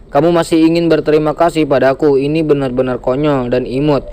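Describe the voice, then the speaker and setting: A man's voice: on the high side, flat delivery, a little fast, mellow, lightly acted. A man reading the lines of a cruel, scheming woman gang boss, mocking and cold. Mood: scornful.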